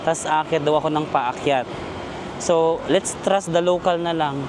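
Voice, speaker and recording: A man's voice: a little high, fairly even intonation, a little slow, noisy background. A man with a Filipino accent chatting in a casual travel vlog while walking outdoors at night, self-mocking and laughing often. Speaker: travel vlogger. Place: outdoors in a city park at night.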